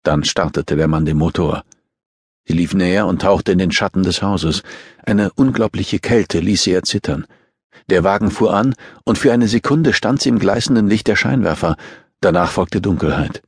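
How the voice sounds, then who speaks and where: A man narrating a thriller audiobook in a measured, tense storytelling manner. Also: deep voice, breathy edge, no room sound, clean studio sound.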